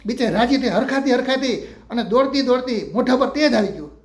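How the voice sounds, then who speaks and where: A man's voice: very high-pitched, animated, a little fast. Older Gujarati man telling a story. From Gujarat, India. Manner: homely, affectionate, acts out child dialogue. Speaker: retired schoolteacher telling a true story. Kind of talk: storytelling monologue.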